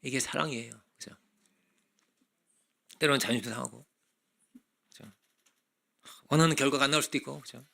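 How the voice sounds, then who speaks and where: A man's voice: medium pitch, moderate pace, vocal fry, pauses often. A male pastor preaching a sermon in a conversational way, asking many rhetorical questions. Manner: acts out children's voices in animated bursts.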